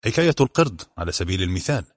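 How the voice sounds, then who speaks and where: A man's voice: low voice, big pitch swings, very fast, dry recording, clean studio sound. A man reading the part of a sarcastic male police officer who talks in a blunt, mocking, offhand way. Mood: dry teasing.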